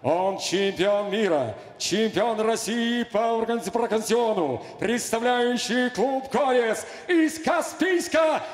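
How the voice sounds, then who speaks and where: Grand high-pitched male ring announcer, booming reverb. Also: measured pace, few pauses. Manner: grand, theatrical, building to shouts. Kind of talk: formal fight announcing, drawn-out shouts. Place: cage in a large indoor arena. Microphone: handheld microphone. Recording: echoey arena PA with long reverb.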